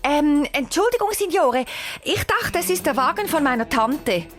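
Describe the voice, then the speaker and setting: A woman with a Swiss German accent voicing an excited, anxious schoolgirl in a storybook, talking high and breathless. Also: normal speed, soft background music. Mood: urgent. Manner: breathless, high, urgent shouts. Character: excited anxious schoolgirl Cheyenne, about ten.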